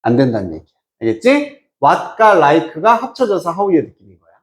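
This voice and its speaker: A male English teacher with a fairly high, very animated voice that swoops up and down. He lectures in a casual tone, drops English phrases into his explanation, and keeps firing quick check-in questions at his students. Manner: checks understanding with frequent quiz-like questions. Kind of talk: lecture explaining an exam passage.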